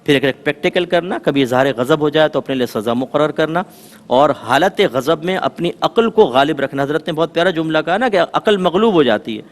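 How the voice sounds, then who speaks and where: Brief: male religious scholar, fairly high voice, animated storyteller, long studio reverb. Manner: lively storytelling with folksy examples. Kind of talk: televised religious talk.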